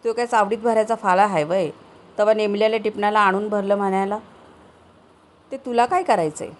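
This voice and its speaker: A woman's voice: mid-range voice, normal speed, natural voice. A woman reading a story aloud and voicing a harried village washerman who defends himself irritably. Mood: grumbling. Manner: defensive, grumbling.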